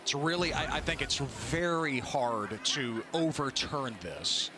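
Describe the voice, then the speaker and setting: Speaking slowly in a mid-range voice with lively intonation, a man gives conversational, explanatory play-by-play of a live football game. Outdoor stadium ambience is clearly audible in the background.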